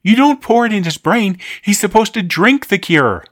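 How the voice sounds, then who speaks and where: A man puts on a young girl's voice, pitched well up from his own and swinging wide as she frets and insists. Bossy and anxious, she sounds close and dry, with no room around her. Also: expressive, moderate pace, no room sound. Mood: insistent. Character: worried, bossy girl, a kid.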